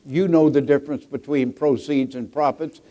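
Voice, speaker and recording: A man with an American accent introducing and interviewing a guest before an audience, measured and rhetorical, repeating phrases for emphasis. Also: medium pitch, steady tone, mellow. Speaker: event host and interviewer. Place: on stage at a luncheon event.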